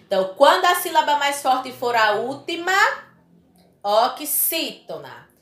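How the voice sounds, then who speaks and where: This recorded children's lesson features a high-pitched Brazilian teacher who sounds animated and fairly bright, talking a little quickly in a room with echo. She speaks to her young pupils with affection and emphasis, lengthening the key words.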